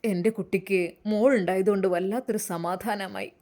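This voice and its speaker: A woman's voice: mid-range voice, steady tone, a little fast, mellow, natural voice. A woman voicing an older father, earnest and fond as he praises his daughter-in-law. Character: older father, warm and grateful patriarch.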